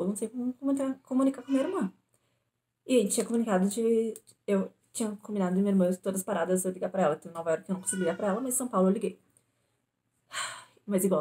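Mellow-voiced young Brazilian woman vlogging. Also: mid-range voice. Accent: southern Brazilian Portuguese. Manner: animated retelling, acts out her own panicked pleas. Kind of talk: casual storytelling to camera. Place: indoors at home.

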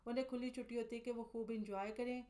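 A woman from Pakistan, speaking, gives steady, matter-of-fact voice-over narration as a vlogger and mother, listing items and prices one by one. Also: a little high, quick pace. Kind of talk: scripted voice-over narration of a store tour.

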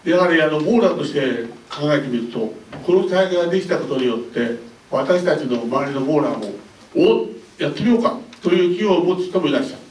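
Old guy in his 70s at a press conference, kinda high voice, echoey room, bit off mic. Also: lively intonation, slight background noise. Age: older, about 70s. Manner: polite, unhurried and conversational. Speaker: bowling federation director. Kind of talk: formal press conference remarks. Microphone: handheld microphone. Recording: roomy, mic a bit distant.

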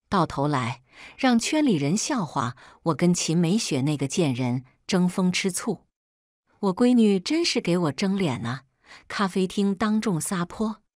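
A woman's voice: lowish voice, no echo, studio quality. Woman voicing a scornful rich mother. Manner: sharp, mocking scolding. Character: scornful proud wealthy middle-aged mother.

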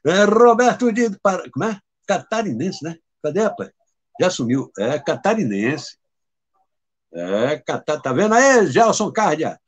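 A man with a husky, breathy voice that sits high for a man hosts a casual live stream. He talks in a chatty, teasing way, greets viewers one by one and laughs easily. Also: big pitch swings. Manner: chatty, greets viewers by name and reads their comments; teasing and playful, quick to laugh.

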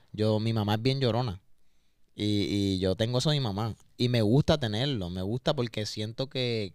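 A man's voice: mid-range voice, clean tone, no echo, studio quality. A man with a Puerto Rican accent, a singer guesting on a podcast, talking openly and emotionally, often repeating words as he searches for them. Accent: Puerto Rican Spanish. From Puerto Rico. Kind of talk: candid interview conversation. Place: podcast studio.

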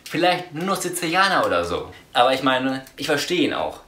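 A man's voice: mid-range voice, sing-song, a little fast, bright, forceful tone, echoey room, slight background noise. A man playing a cold, scheming mafia boss in an amateur audio drama, with a dry, mocking delivery.

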